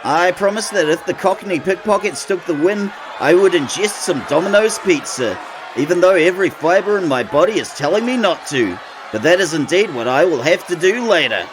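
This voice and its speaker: A man's voice: high-pitched, animated, normal speed, noisy background. A man calling wrestling play-by-play as the show's commentator and host, sardonic and opinionated, with mock-grumpy asides. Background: music.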